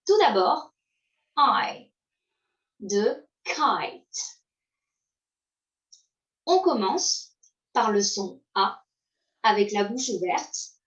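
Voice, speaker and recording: Slow, careful woman teaching pronunciation. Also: on the high side. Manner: drills sounds, pausing for learners to repeat. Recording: roomy, distant, dull sound.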